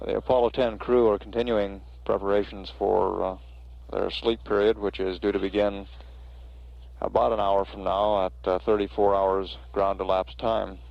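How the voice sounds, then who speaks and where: Male mission announcer, gravelly and flat, halting factual delivery on a dull archival feed. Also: lowish voice. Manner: measured, hesitant official delivery. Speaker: mission control public affairs announcer. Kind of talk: halting factual status report.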